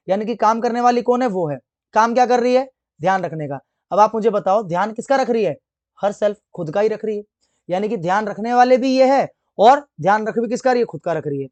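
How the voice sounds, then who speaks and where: A man teaching an English grammar lesson online. He keeps asking the class questions and answering them himself, and he reads the English example sentences slowly. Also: high voice, a little mellow, no echo. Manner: asks and answers his own questions.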